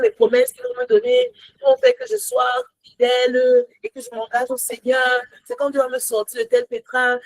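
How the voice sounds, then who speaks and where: Woman preacher, high voice, energetic sermon that mixes in English, close dry sound. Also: dry recording, poor audio. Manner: mixes English phrases into French, exclamatory; swings from shouts to soft whispers. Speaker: prayer teacher. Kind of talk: animated sermon teaching.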